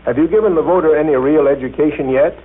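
A man's voice: a little high, quick pace, slightly rough. A man presenting a scripted radio broadcast, asking formal, polite questions. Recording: tinny 1939 radio broadcast recording.

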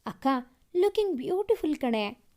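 A woman's voice: high voice, big pitch swings, unhurried, mellow. A woman voicing an impatient, eager young man in a told story. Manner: pushy, impatient.

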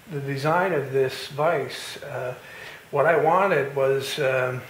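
A man hosting a woodworking video, casually walking through his build with plenty of fillers and restarts. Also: a little high. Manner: relaxed, explanatory, with many fillers and restarts. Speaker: woodworking channel host. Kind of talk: casual shop walkthrough narration. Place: home woodworking shop, indoors. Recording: roomy workshop with faint noise.

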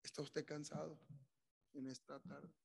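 A man's voice: fairly high pitch, flat delivery, measured pace, vocal fry, slightly rough. A man preaching as pastor, giving an emotional altar call and voicing the prayers of his listeners. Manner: pleading, emotional, voices the congregation's prayers. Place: church sanctuary.

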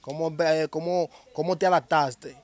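A man interviewing a guest, gently probing with follow-up questions. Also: fairly high pitch, fairly even intonation, moderate pace, dry recording.

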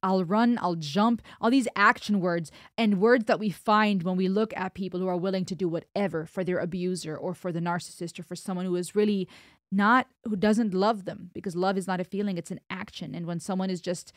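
This thoughtful German woman, whose first language is German, talks fairly quickly in a lowish, steady voice during an analytical song reaction, explaining emphatically with hand gestures. The studio-quality, dry recording comes from her small indoor home studio, where she wears headphones and uses a close broadcast mic on a boom arm.

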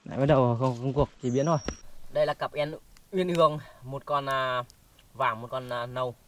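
A man's voice: medium pitch, steady tone, normal speed, a bit bright. A man chatting casually as an outdoor vlogger, hesitating and repeating words as he talks to viewers. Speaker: vlogger, host. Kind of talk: casual outdoor vlog chat while walking. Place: outdoors in forest. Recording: outdoor recording with faint noise.

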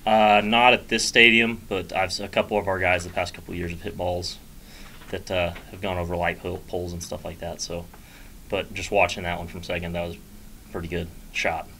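A man's voice: deep voice, little pitch movement, fairly quick, sharp tone, a little hiss or hum, poor audio. A young man, a college baseball player, giving easygoing, brief answers at a postgame press conference. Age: young adult. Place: small press room in front of a sponsor backdrop.

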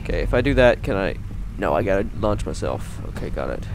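A man hosting a gaming channel, giving jokey, excitable let's play commentary and talking to himself. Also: sits low, background noise.

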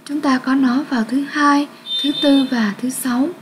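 A woman with a Vietnamese accent teaching an English lesson to children, speaking slowly and clearly and sounding out words for pupils to repeat. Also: high-pitched, fairly even intonation, background noise.

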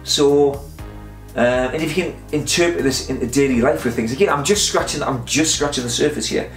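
A man's voice: medium pitch, a little fast, soft background music. Chatty, rambling man in an echoey room. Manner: chatty, meandering, self-interrupting with fillers. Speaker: vlogger. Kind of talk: casual rambling talk to camera.

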